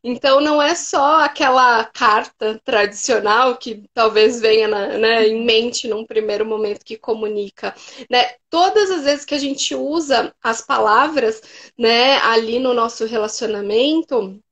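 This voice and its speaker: High-voiced woman host, dull audio. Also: a little slow, fairly bright tone. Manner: explanatory, frequent "né" tags. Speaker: host and writing therapist. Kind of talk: conversational interview.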